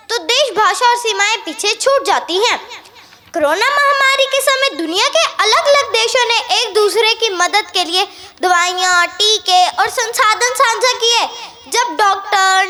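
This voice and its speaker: A woman's voice: extremely high pitch, sharp tone. A teenage girl, a student speaker, delivering an earnest, declamatory formal competition speech in a school auditorium.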